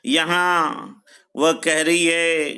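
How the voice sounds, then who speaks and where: A man lecturing on a poem, reading each verse and then paraphrasing it slowly and repetitively. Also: a little high, little pitch movement, sharp tone. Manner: slow, deliberate explanations with frequent repetition. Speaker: college lecturer. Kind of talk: literature lecture explaining a poem line by line.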